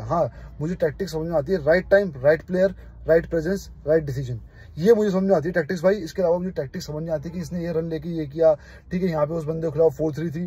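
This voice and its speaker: A man's voice: fairly high pitch, dark tone, breathy edge. A young man from India, a football fan channel host, giving his opinions in an emphatic, passionate casual vlog. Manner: passionate, emphatic, keeps saying "brother".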